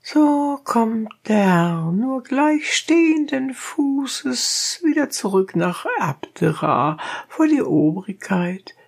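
Stubborn donkey driver , narrator doing the voice, high and pedantic, gravelly edge, slow. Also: big pitch swings, exaggerated voice. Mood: cold challenge. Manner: high, drawn-out, pedantic insistence. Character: stubborn male donkey driver, defiant and cool. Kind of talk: audiobook narration.

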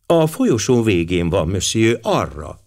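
A man's voice: fairly low pitch, sing-song, a little mellow. Man doing a pert young French maid. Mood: coy.

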